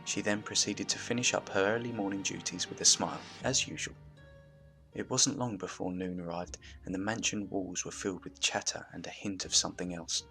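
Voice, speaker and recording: A man reading a story aloud as narrator in a steady, even manner, with faint music behind. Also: deep voice, brisk, creaky, breathy edge.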